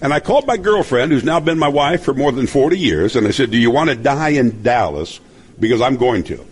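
A man's voice: medium pitch, animated, a little fast, husky. A man in his seventies from Nebraska, a broadcaster telling rambling stories and laughing often in a casual chat. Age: 70s. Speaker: guest broadcaster.

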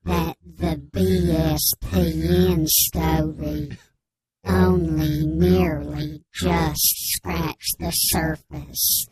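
A man's voice: fairly high pitch, over a noisy crowd, low-quality recording. A man doing a disguised anonymous informant. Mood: grave. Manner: slow, solemn deadpan testimony. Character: anonymous male whistleblower, earnest and grave. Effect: disguised voice, electronically altered. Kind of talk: radio comedy bit.

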